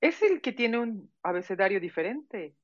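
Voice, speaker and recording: A woman from Mexico with a Mexican accent, hosting an interview and asking questions in a friendly, curious way, slowly and clearly for learners. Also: mid-range voice, big pitch swings, highs cut off. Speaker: interviewer, host. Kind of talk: slow conversational interview for learners.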